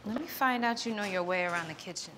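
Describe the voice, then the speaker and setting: A woman's voice: medium pitch, expressive, quick pace, noisy background, close to an everyday voice. An actress in a web series drama, playing a playful young woman scheming over her wedding on a dating show.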